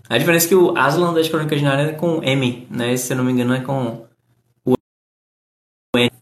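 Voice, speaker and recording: A man's voice: medium pitch, echoey room. A man giving a casual live-stream English lesson, answering chat comments and explaining grammar patiently.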